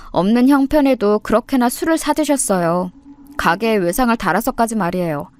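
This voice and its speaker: A woman with a fairly high voice reads a personal story aloud in a calm, even narration. The recording is close and dry, with no room echo.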